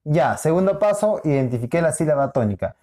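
Mellow-voiced man teaching a lesson. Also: a little high, animated. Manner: repeats himself and checks in with frequent questions; patient, drawn-out explaining. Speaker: school teacher. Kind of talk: recorded online lesson.

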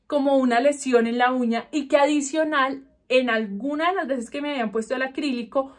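Young woman vlogger, slightly high voice, dramatic and chatty storyteller. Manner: animated, dramatic retelling with vivid exaggeration. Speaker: beauty vlogger. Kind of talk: casual storytelling to viewers.

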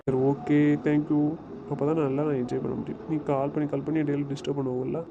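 Guy w an on a muffled phone call, talks fast, teasing and bossy, lots of noise behind. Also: fairly high pitch, little pitch movement, gravelly. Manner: teasing, bossy, gives repeated instructions. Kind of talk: casual phone conversation.

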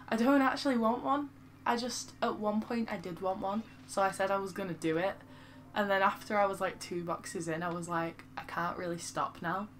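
A woman's voice: medium pitch, a bit bright, slight background noise. A woman with a Lancashire accent chatting casually on a game stream, self-mocking and reading viewers' comments aloud. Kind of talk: casual live-stream chat.

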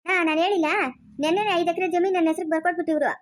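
Casting: a high-voiced performer as a smug, defiant village schemer who married off his sister by trickery. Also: steady tone, rapid-fire. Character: scheming defiant younger brother, man. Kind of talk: family village drama.

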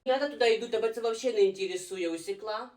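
A woman's voice: a little high, racing, darkish tone, natural voice. A woman voicing a sulky, rebellious teenage girl who ran away from home. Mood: defiant. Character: defiant runaway teenage girl. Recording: roomy echo.

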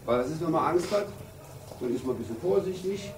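A man in his fifties, a handball coach giving an emphatic, deliberate pre-game team talk with pauses for effect in a locker room. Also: a little high, animated. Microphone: camera a few metres away. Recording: roomy, distant camera mic, background noise.

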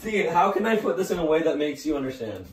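A man's voice: on the high side, big pitch swings, fast, reverberant, far from the mic. A young man in casual chat, joking and laughing, making playful threats. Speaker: vlogger.

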